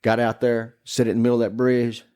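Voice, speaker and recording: A man's voice: medium pitch, completely flat delivery, fairly quick, dark tone, clear, resonant tone. A man telling a ghost story in casual chat, rambling and cursing, laughing as he goes. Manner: rambling, profane, laughing through his story.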